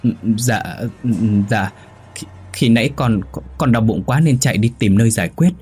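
A man's voice: medium pitch, normal speed, darkish tone, breathy edge, close to an everyday voice. A man voicing a frightened young servant girl who stammers.

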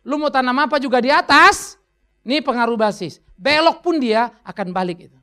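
A man preaching a sermon as a pastor, animated and playful, acting out voices and dropping in English phrases. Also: extremely high pitch, normal speed. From Indonesia.

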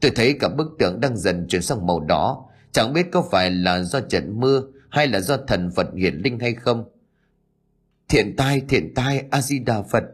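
A man's voice: on the low side, lively intonation, normal speed, husky. A man voicing a panicked Buddhist monk in a storybook, calling out in alarm with pious exclamations. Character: panicked middle-aged male Buddhist monk.

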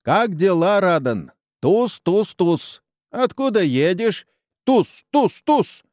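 A man's voice: high-pitched, big pitch swings, unhurried, no room sound, studio quality, pitched above the performer's own voice. A man voicing a rowdy tavern card dealer who calls out brashly and rhythmically, in a storybook reading.

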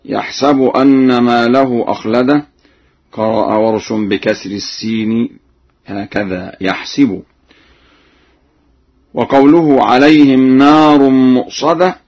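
Man, recitation teacher, measured explanations, chanted examples, muffled old radio sound. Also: mid-range voice, darkish tone. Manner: explains rules slowly, then chants the verse examples. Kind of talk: radio lesson on recitation variants. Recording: dull old radio broadcast.

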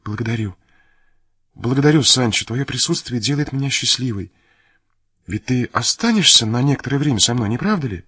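A man reading the part of a gravely ill young noblewoman who speaks in a soft, pleading, tearful way. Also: mid-range voice, animated, fairly quick, dry recording, clean studio sound, voice pushed up.

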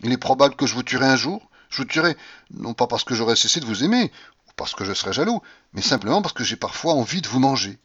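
Guy reading an old novel out loud, all worked up and intense, dry muffled audio. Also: mid-range voice, lively intonation, quick pace, breathy edge, no room sound. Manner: impassioned, feverish first-person delivery. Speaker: audiobook reader. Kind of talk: dramatic reading of a classic novel.

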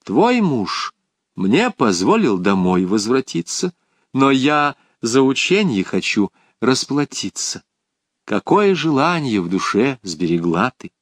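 Earnest young disciple read by a male narrator, slow, lively pitch, dry. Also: dry recording.

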